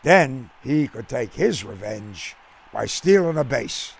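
A man voicing an excitable, blunt baseball fan who explains the game impatiently, in a storybook reading. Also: medium pitch, takes it slowly, creaky, breathy edge, full character voice. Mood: explaining, impatient. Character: brash, excitable baseball-loving American man.

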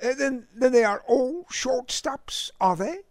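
A man voicing a polite, bewildered gentleman at his first baseball game, in a storybook reading. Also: very high-pitched, expressive, measured pace, no echo, studio quality, voice pushed up. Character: prim, puzzled British gentleman new to baseball.

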